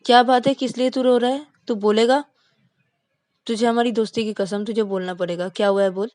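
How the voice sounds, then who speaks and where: A woman's voice: on the high side, fairly even intonation, a little fast, darkish tone, dry recording, clean studio sound, pitched above the performer's own voice, natural voice. Shruti: a woman playing a pushy young woman. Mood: insistent. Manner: insistent, demanding. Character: young woman, pushy loyal best friend.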